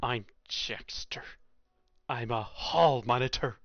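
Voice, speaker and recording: A man voicing a bossy young hall monitor with animal ears who shouts indignantly at rule-breakers. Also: mid-range voice, takes it slowly, lo-fi sound. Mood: self-important.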